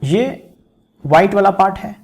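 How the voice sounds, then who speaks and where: Man, exam-prep lecturer; high, gravelly voice; quizzes himself, repeats. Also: expressive, measured pace, darkish tone. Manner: repeats key terms, asks and answers his own questions. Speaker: teacher.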